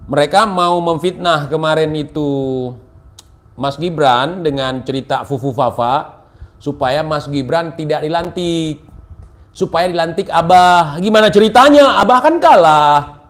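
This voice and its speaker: A man giving a mocking, taunting political rant, sarcastic and repetitive, at times rising to shouts. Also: fairly high pitch, expressive, a little slow, long pauses. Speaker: political commentator.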